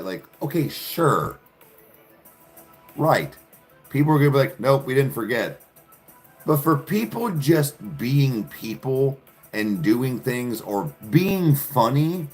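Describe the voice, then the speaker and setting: A man's voice: lowish voice, a little mellow. A man hosting a podcast, ranting sarcastically in casual chat with plenty of profanity. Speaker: podcast host. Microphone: studio podcast mic.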